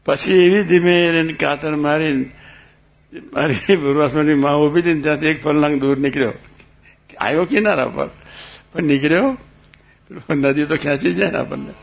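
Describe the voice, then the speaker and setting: Pitched on the high side with vocal fry, this man talks at a moderate pace. His sermon is built on personal stories, with acted-out quoted dialogue and questions put to the listeners by the religious speaker.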